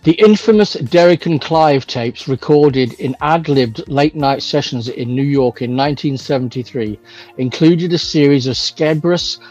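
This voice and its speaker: A man's voice: a little high, darkish tone, muffled recording. A man in casual chat as co-host, telling stories and acting out quoted lines. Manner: storytelling, acts out lines with laughter.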